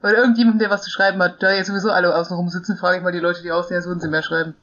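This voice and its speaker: A man's voice: sits high, level tone, racing, pushed and bright, dull audio. A man playing a tabletop game, speaking in an easygoing, joking way as he plays his character. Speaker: player.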